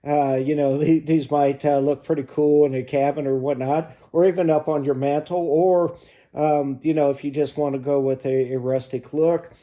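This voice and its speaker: A man hosting a prepping vlog, talking casually to camera in a halting way with frequent mid-phrase pauses. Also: on the high side, dark tone. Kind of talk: casual demonstration talk to camera.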